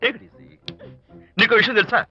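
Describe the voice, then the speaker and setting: An actor playing a breezy, playful hero in a film scene, mixing in English phrases. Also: male voice, very high-pitched, steady tone, moderate pace, sharp tone, husky, heavily acted. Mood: pleading. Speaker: film lead. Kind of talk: 1980s-90s Telugu film dialogue. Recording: muffled film soundtrack with music.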